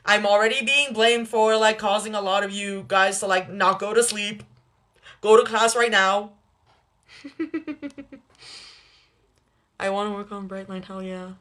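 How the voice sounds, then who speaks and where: A young woman hosting a livestream, chatting casually with viewers, laughing often between quick asides. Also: medium pitch, steady tone, fairly bright tone. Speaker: livestream host reading chat. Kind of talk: casual live chat with viewers.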